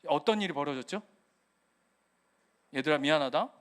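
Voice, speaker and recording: A middle-aged male pastor, giving an animated sermon and acting out the people in his stories. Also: a little high, moderate pace. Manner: animated storytelling, acting out quoted voices.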